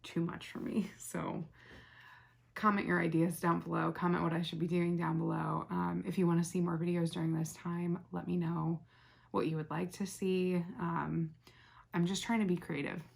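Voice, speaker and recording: A young woman hosting a casual, chatty makeup tutorial, rambling softly as she works and often dropping to a near whisper. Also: lowish voice, level tone, moderate pace, creaky, husky. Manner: rambling, soft-spoken, talks while working, often drops to near whisper.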